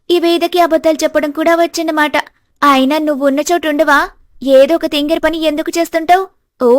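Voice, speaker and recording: A woman's voice: high voice, no room sound, clean studio sound, voice pushed up, lightly acted. Woman voicing a scheming spiteful young sister-in-law. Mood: mocking. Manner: gloating, sneering. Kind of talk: animated storybook voice acting.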